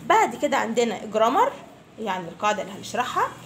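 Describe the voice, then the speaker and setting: A woman's voice: on the high side, big pitch swings, rapid-fire, slight background noise. A woman with an Egyptian Arabic accent, an English teacher giving a patient online lesson to schoolchildren. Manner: patient, addresses pupils affectionately. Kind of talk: YouTube lesson for children.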